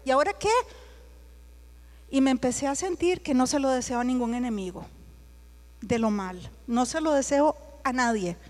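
A woman's voice: high-pitched, animated, moderate pace, pauses often. A middle-aged woman giving an emotional personal conversion testimony, acting out the voices in her story. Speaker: testimony speaker. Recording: long hall reverb.

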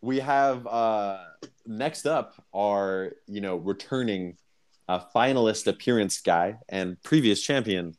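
A man hosting a casual fantasy basketball podcast, excitable, repeating his words and swearing freely. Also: on the low side, slow pace. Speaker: podcast host.

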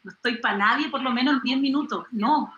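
A middle-aged Chilean woman in a studio interview, animated, exclaiming and acting out little voices as she talks. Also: a little high, moderate pace, reverberant, lo-fi sound, a little hiss or hum. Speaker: singer and comedian guest.

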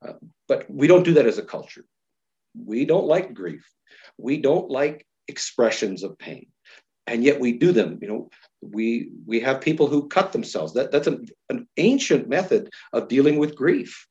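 A man, a pastor, talking earnestly and thoughtfully in a podcast conversation, slowing down to stress key words. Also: mid-range voice, sing-song, dark tone, lo-fi sound.

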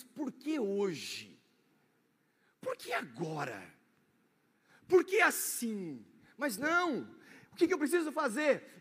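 A man with a Brazilian accent preaching a sermon as pastor, swinging between loud declarations and hushed asides. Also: extremely high pitch. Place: church. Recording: echoey church hall.

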